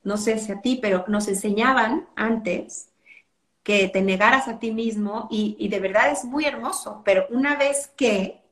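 Earnest woman in an echoey room. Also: on the high side. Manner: earnest, acts out parents' quotes. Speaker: parenting educator. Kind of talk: explanatory interview talk.

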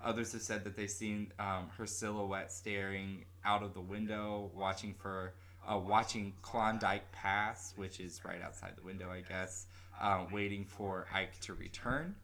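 A man co-hosting a casual podcast, retelling a ghost story haltingly with many ums and self-corrections. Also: lowish voice, steady tone, pushed and bright. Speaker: podcast co-host.

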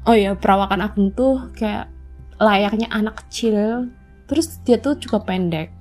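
A woman's voice: mid-range voice, unhurried, darkish tone, faint music behind. A young woman hosting a podcast, telling childhood stories in a chatty, filler-heavy way and acting out old quotes. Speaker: podcast host. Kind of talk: casual storytelling chat.

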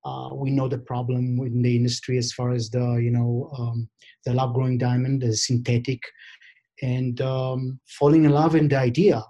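A middle-aged man with an Israeli accent, a guest on a podcast, talking in a casual, halting way with many fillers. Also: mid-range voice, level tone, warm tone, muffled recording. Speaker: guest, diamond equipment vendor.

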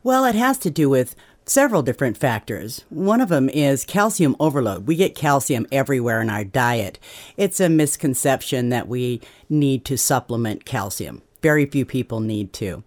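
A woman's voice: extremely low pitch, lively intonation, normal speed, darkish tone. A woman speaking as an expert radio guest, explaining health matters.

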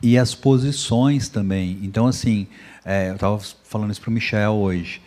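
A man's voice: fairly low pitch, moderate pace. A man hosting a live panel, demonstrating postures and talking straight to viewers. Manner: energetic, demonstrates with gestures, addresses viewers. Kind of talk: casual live panel talk.

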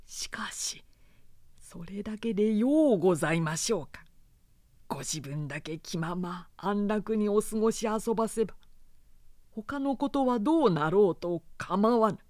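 Male samurai retainer put on by a reader, deferential, pressing, formal, slow. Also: high voice, expressive, darkish tone, no echo, clean studio sound, pitched above the performer's own voice. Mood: earnest pressing. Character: loyal older samurai retainer, earnest.

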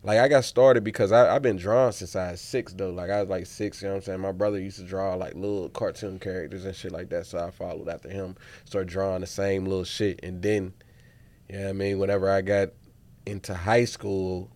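A man's voice: low voice, flat delivery, brisk, darkish tone. A man in his late twenties, from Pittsburgh and raised in Dallas, a tattoo artist talking laid-back and slangy. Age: late 20s. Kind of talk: casual chat.

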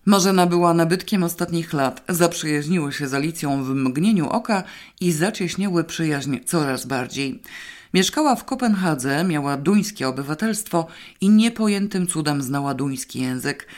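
A woman narrating a first-person audiobook in a wry, even storytelling manner. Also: low voice. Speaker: audiobook reader.

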